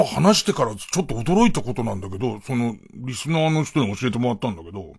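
A man's voice: a little high, fairly bright tone. A man hosting a late-night radio show, telling meandering, self-mocking stories in a studio. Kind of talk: rambling late-night radio free talk. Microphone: studio microphone.

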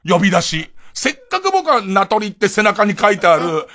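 A man hosting a late-night radio show in a casual solo monologue, animated, acting out quoted lines and laughing. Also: high-pitched, moderate pace. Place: radio studio.

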